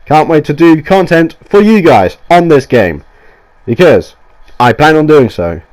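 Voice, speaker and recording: Nasal from a cold and coughing occasionally, this male gaming YouTuber rambles through a sweary, casual game review on a voiceover mic. He speaks at a measured pace in a fairly high, darkish voice with lively intonation. He's enthusiastic and keeps restarting.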